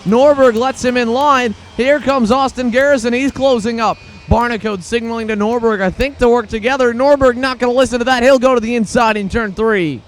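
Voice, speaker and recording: A man commentating live on a kart race, calling the action play-by-play in an excitable, urgent manner. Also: extremely high pitch, fairly quick, hardly any pauses. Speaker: motorsport commentator.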